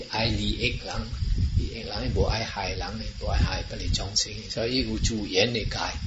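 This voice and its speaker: A man talking casually and at length, rambling along with many fillers and switching between languages. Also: on the low side. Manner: rambling, mixes in Chinese and English words, many "ah" fillers. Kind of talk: casual explanatory talk. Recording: muffled, roomy, noisy recording.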